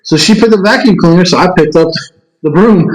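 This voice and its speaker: Young man, higher voice, lively and joking, echoey room. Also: moderate pace, a loud crowd. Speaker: podcast guest, partner of the storyteller. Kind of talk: casual comedic chat.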